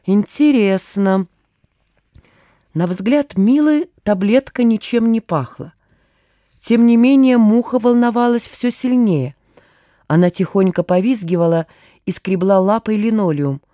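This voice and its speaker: Woman narrating with a dark mellow voice. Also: mid-range voice, animated, measured pace, no echo, clean studio sound. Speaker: audiobook narrator. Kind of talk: scripted narration.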